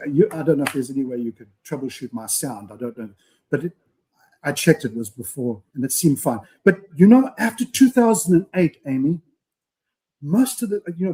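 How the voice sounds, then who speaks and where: The audio is poor for this podcast co-host, whose voice is a little high and warm. On a live show with casual live-stream chat, he speaks earnestly, speechifying and often throwing in "right?".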